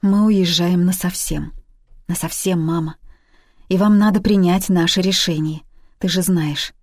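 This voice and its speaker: A woman's voice: fairly low pitch, fairly even intonation, measured pace, a little mellow, no echo, studio quality. A woman reading the part of a desperate daughter around thirty who pleads urgently and emotionally with her mother in a story. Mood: tense.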